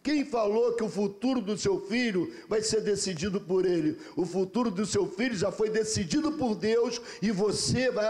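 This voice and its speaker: Man, Brazilian accent, pastor, sermon, high voice, emphatic, repetitive, storytelling. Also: a little mellow. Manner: emphatic, repetitive preaching with personal stories.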